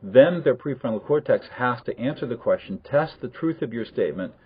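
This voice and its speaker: A man explaining conflict de-escalation in a measured conversational way, with emphatic bursts. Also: mid-range voice, lively intonation, breathy edge. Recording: tinny phone-like line.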